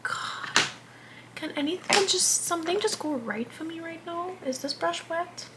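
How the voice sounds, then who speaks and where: Heavy background noise surrounds a twenty-something vlogger with a very high voice as she talks unhurriedly while putting on makeup. She rambles casually, cuts herself off, and at times lowers her voice to a whisper.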